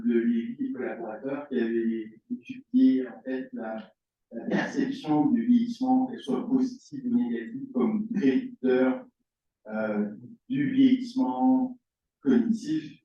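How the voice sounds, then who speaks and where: A man on a thesis jury lays out a measured question, pausing now and then with fillers. He sounds far from the microphone in a very echoey room, and the sound is dull. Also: mid-range voice. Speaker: jury member. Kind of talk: asking a question at a thesis defense.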